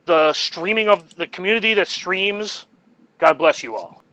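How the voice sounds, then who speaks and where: Jokey, bright-voiced man. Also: sits high, animated, a little slow, dry recording, low-quality recording. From United States. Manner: rambling and jokey, laughs at his own jokes. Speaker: podcast co-host. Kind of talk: casual podcast chat.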